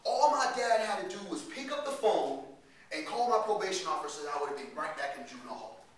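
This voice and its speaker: A man telling a story to young people at a workshop, in an animated, slangy way with laughs. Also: sits high, quick pace. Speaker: workshop speaker for youth. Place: workshop room. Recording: echoey room, distant mic.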